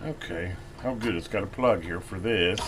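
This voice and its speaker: In a clearly noisy hobbyist video, a male host with a low voice speaks at a moderate pace. He offers casual repair commentary, thinking out loud as he works with his hands.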